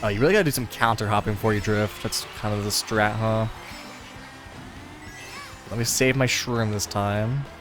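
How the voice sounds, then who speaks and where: Music runs behind a young man with a lowish voice who chats at a moderate pace, pausing often, as he plays a racing game for his gaming video. The story he tells is laid-back and rambling, thick with fillers.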